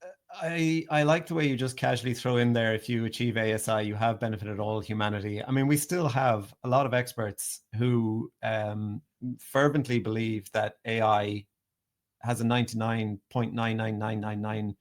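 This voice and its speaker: Skeptical low-voiced man co-hosting. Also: steady tone, normal speed. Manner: skeptical, thoughtful, laughs while talking. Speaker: podcast co-host. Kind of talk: casual podcast debate.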